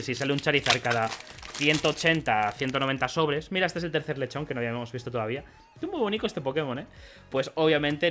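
A young man from Spain with a Spanish accent, rambling chattily while opening trading card packs for his channel. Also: mid-range voice. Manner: chatty, rambling, bursts into excited shouting and laughter. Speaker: card collecting youtuber. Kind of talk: pack opening vlog.

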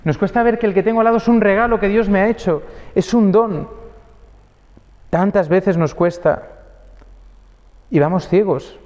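Priest, lively homily, higher-pitched voice, long church reverb. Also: male voice, normal speed, pauses often, highs cut off. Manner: lively storytelling, acting out quoted voices. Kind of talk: sermon. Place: church during mass.

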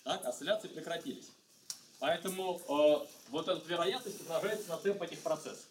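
A middle-aged man lectures on physics and often stops to restart his sentences. His voice sits a bit high. He was recorded from a distance in a reverberant lecture room. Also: slight background noise. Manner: halting, many fillers and restarts. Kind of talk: university lecture at a blackboard. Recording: echoey lecture hall, mic far off.

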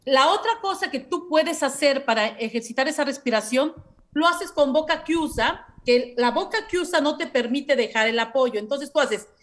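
A woman's voice: sits high, lively intonation, normal speed, fairly bright tone. A woman voice teacher with a Mexican Spanish accent, giving patient masterclass coaching with affectionate diminutives and short sung examples.

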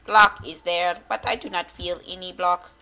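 A man's voice: sits high, fairly even intonation, normal speed, bright, forceful tone, exaggerated voice. A man voicing a confused, literal-minded game engine that speaks in stiff, clipped robotic phrases.

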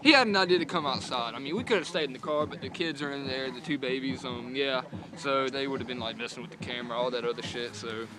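A man's voice: medium pitch, fast, noisy background. A young man with a Southern US accent talks with a lip full of dip, giving a casual, rambling, profane review outdoors. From North Carolina, USA. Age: young adult. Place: outdoors in a rural yard by parked vehicles. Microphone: camera set on a car, about a meter away.

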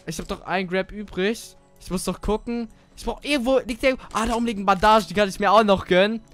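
A man giving casual gaming commentary, excitable and chatty as he plays with a teammate. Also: sits high, fast, faint music behind. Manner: excitable, swears casually, talks to teammate while playing. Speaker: gamer.

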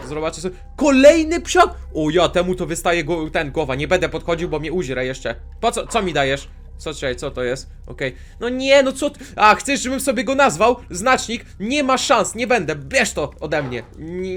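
A man hosting a game video, talking to his viewers with excitable, jumpy outbursts. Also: on the high side. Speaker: gaming video host. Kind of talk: Minecraft let's play commentary.

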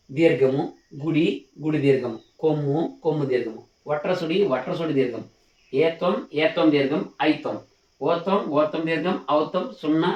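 A man teaching a lesson on writing letters, patient and repetitive, often stopping to ask whether the class has understood. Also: a little high. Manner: patient, repetitive, asks questions to check understanding. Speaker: Telugu teacher. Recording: echoey room, mic at a distance.

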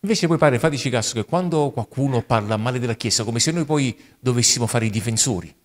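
A man's voice: mid-range voice, fast talker. A priest giving a catechesis talk to his parish, reflective and addressing listeners directly. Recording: long reverb of a large hall.

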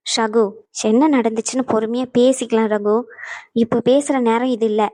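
Cartoon role: woman voicing peacemaking young wife, calm, close dry sound. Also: a little high, normal speed, no echo, lightly acted. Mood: placating. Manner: patient, placating. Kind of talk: cartoon voice acting.

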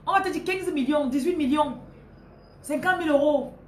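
A woman with a Cameroonian French accent giving an animated, playful motivational talk about money, repeating herself for emphasis. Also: high voice, moderate pace, roomy sound, a little hiss or hum. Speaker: money and spirituality coach. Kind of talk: motivational talk with acted-out scenes.

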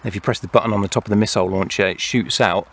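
A man casually narrating a toy playset review, explaining the features in a relaxed way. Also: on the low side, very fast, noisy background.

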